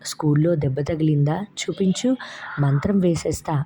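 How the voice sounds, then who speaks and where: A woman voicing a gentle, worried grandmother who soothes and coaxes a child. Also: low voice, moderate pace, slight background noise, lightly acted. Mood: soothing. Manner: soothing, coaxing.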